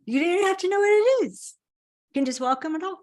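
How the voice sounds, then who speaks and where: A woman's voice: very high voice, lively intonation, fast talker, a little mellow. A woman guest in an interview, talking in a conversational coaching way and telling stories with animation.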